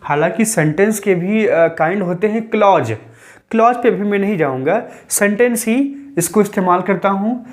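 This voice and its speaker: A man's voice: sits high, moderate pace. A man teaching English grammar in a patient, step-by-step explanatory lecture, dropping English terms into his talk.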